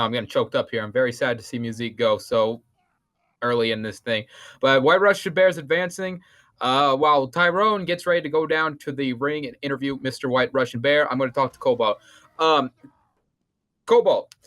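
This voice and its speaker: A man doing excitable, rambling play-by-play commentary on a fan-league boxing match. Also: on the high side. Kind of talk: esports-style match commentary.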